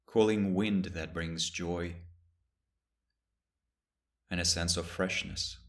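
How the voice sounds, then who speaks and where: A meditation teacher with a very deep, low voice guides a meditation, speaking slowly and calmly. Long pauses separate his short phrases, and his tone remains soft and steady from start to finish.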